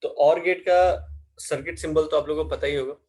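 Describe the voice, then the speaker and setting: A man teaching a class, asking questions and then answering them himself, slow and drawn out when dictating definitions, mixing Hindi with English terms. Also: on the high side, steady tone, darkish tone, breathy edge, low-quality recording. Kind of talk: classroom lecture.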